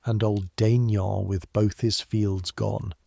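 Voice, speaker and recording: A man with a low, gravelly voice tells a history story meant for falling asleep, speaking straight to the listener in a measured, softly grave way. The sound is dry and close, with no room around it. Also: flat delivery, no room sound. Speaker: narrator. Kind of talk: calm second-person history narration for sleep.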